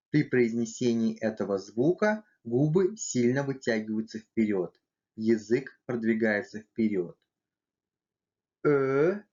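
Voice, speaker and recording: Slow, careful male teacher, dull sound. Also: medium pitch, darkish tone. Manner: slow, careful, spelling out letters and sounds one by one. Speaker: language teacher. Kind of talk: scripted lesson narration.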